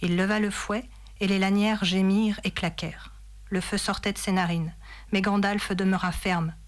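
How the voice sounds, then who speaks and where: Woman, dramatic book reading, measured storyteller, mid-range voice. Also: medium pitch, steady tone. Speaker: reader. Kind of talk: expressive reading of a novel passage.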